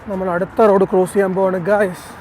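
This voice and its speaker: Man, high-pitched, Malayalam accent, Malayalam-English mix, casual travel vlogger, music in background. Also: flat delivery, quick pace, a little mellow. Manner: mixes English words into Malayalam. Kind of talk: casual vlog commentary to viewers. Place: on a city bus and busy streets outdoors.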